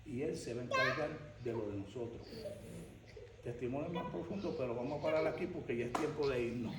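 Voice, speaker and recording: Older pastor preaching in an echoey church. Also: male voice, a little high. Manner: emphatic storytelling. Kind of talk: sermon testimony. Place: church sanctuary. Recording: echoey church from far off, noisy.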